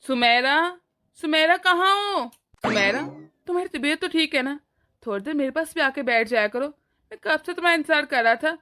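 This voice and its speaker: A woman's voice: sits high, lively intonation, normal speed, bright, forceful tone. A woman doing a protective cartoon brother. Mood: caring. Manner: firm, scolding yet affectionate. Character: caring protective older brother, young man. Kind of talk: animated cartoon voice acting.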